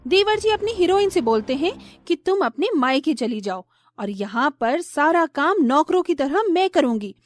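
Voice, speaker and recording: Woman doing a shrill bratty sister-in-law, super high, dry close sound. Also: big pitch swings, moderate pace, no echo. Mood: shrill outrage. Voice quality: shrill, theatrical. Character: scheming spoiled young sister-in-law, shrill and dramatic. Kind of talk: cartoon story voice acting.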